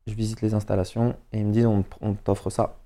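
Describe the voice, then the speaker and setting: Man, young adult, Paris suburbs accent, casual storytelling, slangy, warm dark tone. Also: on the low side, quick pace. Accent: Parisian suburbs French. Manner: slangy, animated, acts out quotes. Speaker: podcast guest, footballer.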